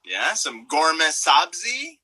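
Man, bright tone, a bit husky, casual video-call host, easygoing. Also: a little high, wildly swooping pitch, slow, poor audio. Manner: easygoing, enthusiastic, laughs along. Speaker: live stream host.

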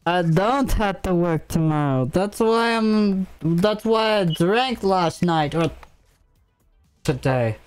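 A man's voice: high-pitched, expressive, slow pace, clear, resonant tone, soft background music. A drunk man in his twenties streaming a game, rambling and teasing in a slurred way. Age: 20s. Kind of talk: casual chat while gaming.

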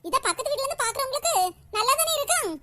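A woman voicing a playful, scheming old mother-in-law in a comic cartoon, in a Kanyakumari Tamil accent, with a high, exaggerated voice and cackling laughs. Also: expressive, very fast, background noise. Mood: sly.

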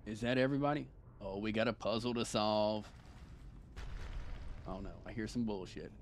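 A man's voice: lowish voice, normal speed. A young man giving casual, profane gameplay commentary, joking and talking trash to the enemies he fights. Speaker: gaming video host. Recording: steady background noise.

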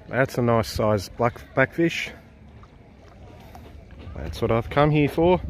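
A man's voice: medium pitch, darkish tone. An enthusiastic Australian man in his thirties narrates a casual fishing vlog from a riverside jetty. He explains things plainly and keeps praising his catch. Faint outdoor water noise sits under his voice. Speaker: fishing vlogger. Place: parked car, then outdoors on a river jetty.

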